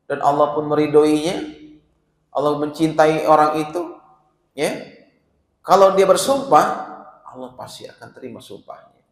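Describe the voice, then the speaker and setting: A man giving a casual mosque sermon, quoting Arabic and asking the audience questions. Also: on the high side. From Indonesia. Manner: conversational, asks the audience questions. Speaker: ustadz giving a mosque study lecture. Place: large mosque hall. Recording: echoey mosque hall reverb.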